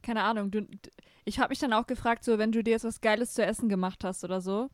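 A woman's voice: fairly high pitch, steady tone, fast talker, dry recording, clean studio sound. A young woman co-hosting a podcast in casual, slangy chat, feeling her way through her sentences. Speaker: podcast co-host.

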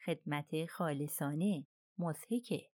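A woman reading the part of an aloof, calm elderly princess who speaks slowly and with composure, in an audiobook. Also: on the low side, no room sound, studio quality, lightly acted. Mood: cold, slow. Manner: slow, measured and composed.

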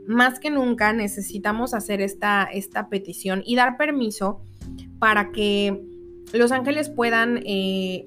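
A woman with a Mexican Spanish accent hosting a spiritual podcast, telling a story in a chatty, animated way, full of tag questions and self-corrections. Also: mid-range voice. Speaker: podcast host.

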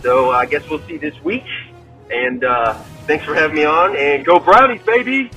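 A man calling in as a guest with a quick, casual sports take. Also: on the high side, sharp tone, faint music behind, poor audio. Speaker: guest caller. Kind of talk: recorded sports prediction message.

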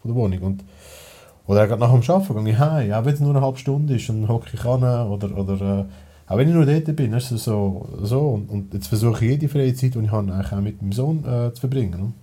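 A man's voice: medium pitch, quick pace, dark tone, husky. A man with a Swiss German accent talking as a podcast guest, rambling and blunt, with many restarts and fillers. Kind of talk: casual personal conversation.

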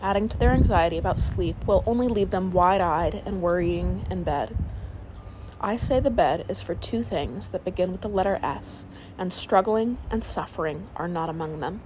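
A woman narrating a sleep story, reading aloud in a calm, soothing way. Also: lowish voice, moderate pace, background noise.

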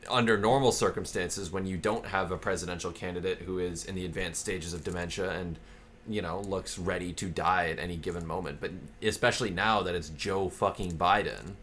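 Brief: deep-voiced male podcast co-host, rambling and sarcastic, faint noise behind. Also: brisk, a bit bright. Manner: rambling, many fillers and restarts; sarcastic, profane. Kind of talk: casual political podcast chat.

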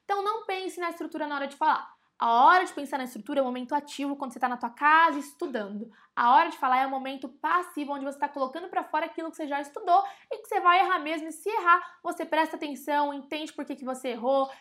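Woman, Brazilian Portuguese accent, high voice, chatty English teacher, slows down to spell out examples. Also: a bit bright. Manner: chatty, often addresses the audience as "gente". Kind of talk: casual online lesson.

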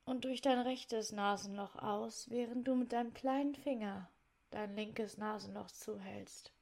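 A woman guides a meditation softly and soothingly. She speaks very slowly, in short, separated phrases. Her medium-pitched voice has noticeable creak and can fade toward a breathy near-whisper as phrases end.

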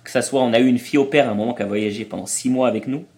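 Homme d'âge moyen qui raconte des anecdotes. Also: male voice, medium pitch, very fast, a little mellow. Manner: explanatory, anecdotal, hesitant restarts. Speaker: guest, traveling parent. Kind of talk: casual interview chat.

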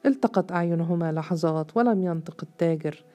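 A woman narrating a historical novel in a measured, steady storytelling voice. Her tone is low and mellow. Soft music plays faintly underneath. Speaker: audiobook narrator.

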